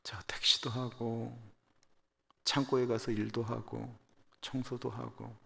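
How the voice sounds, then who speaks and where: A Korean-born pastor in his fifties preaches a personal testimony at a dawn service. His voice sits at an ordinary male pitch, and he shifts between hushed, confessional storytelling and loud, emphatic declarations. The sound carries the long reverb of a church hall. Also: creaky. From South Korea. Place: church sanctuary.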